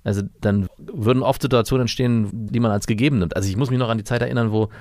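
A man's voice: medium pitch, fairly even intonation, darkish tone, no room sound, studio quality. A man in his thirties co-hosting a casual podcast chat, asking probing questions and laughing easily. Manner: quick, asks probing questions, laughs often. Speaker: podcast co-host.

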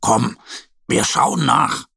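A man's voice: medium pitch, expressive, drawn-out words, creaky, pushed and bright, husky, dry recording, clean studio sound, voice pushed up, exaggerated voice. A man voicing an eager, curious little bear boy in a children's storybook, in a childlike manner. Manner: childlike, eager and sometimes hesitant.

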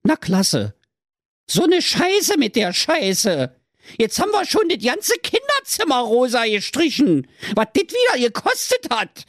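A narrator voicing a dim-witted, frantic young mother with a Berlin accent in a squeaky, shrieking voice. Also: wildly swooping pitch, measured pace, no room sound, clean studio sound, heavily acted. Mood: panicked.

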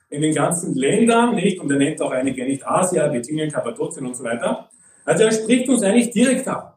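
A man preaching a sermon in a conversational way, often checking in with "okay?", and reading scripture slowly. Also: high-pitched, darkish tone, roomy sound, distant mic, rough recording. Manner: reads Bible verses slowly and deliberately.

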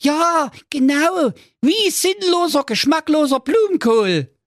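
A man's voice: very animated, unhurried, a bit bright, dry recording, studio quality, full character voice. A man voicing a panicky, whiny young prince in a comic fairy tale. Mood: frantic. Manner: shrill, frantic, whining.

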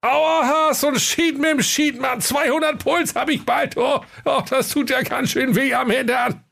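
A man voicing a stingy, vain rich man who blusters and whines in a high, cartoonish voice. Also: big pitch swings, moderate pace, fairly bright tone, heavily acted. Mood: whining.

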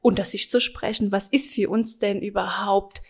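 A woman's voice: medium pitch, steady tone, normal speed, husky. A woman in her thirties who grew up in Germany, talking casually as a guest about feeding children, with many little "ja" fillers. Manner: warm, chatty, frequent "ja" fillers. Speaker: nutrition advisor, guest. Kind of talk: casual interview chat.

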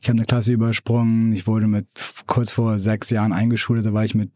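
A man in his thirties, born in Iran and raised in Hamburg, telling his story as a podcast guest in a relaxed, hesitant way with many fillers. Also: fairly low pitch, a little fast, no echo, studio quality. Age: 30s. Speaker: podcast guest, music label executive. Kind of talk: casual interview talk.

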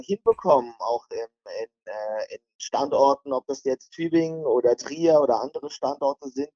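A man's voice: mid-range voice, darkish tone. Cheerful male commentator over a phone line. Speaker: basketball commentator, phone guest. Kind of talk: casual chat on a phone call.

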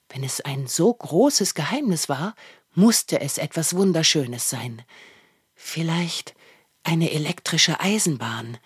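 Expressive low-voiced woman reading a story. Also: husky, no room sound, studio quality. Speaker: actress reading aloud.

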